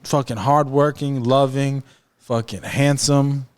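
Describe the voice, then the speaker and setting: A man's voice: mid-range voice, fairly even intonation, takes it slowly, clear, resonant tone. Joking young man on a podcast. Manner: loose, joking, reads search results aloud. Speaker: podcast co-host. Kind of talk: casual chat.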